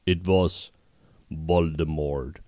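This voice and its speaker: Deep-voiced deadpan fanfiction reader. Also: male voice, extremely slow, no echo, studio quality. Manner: deadpan, reads errors as written. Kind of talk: reading fanfiction aloud.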